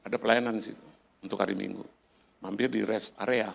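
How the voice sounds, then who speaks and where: This middle-aged pastor has a gravelly, lowish voice that stays steady as he speaks quickly. Preaching in a church hall, he shares a personal story conversationally and acts out each character's voice.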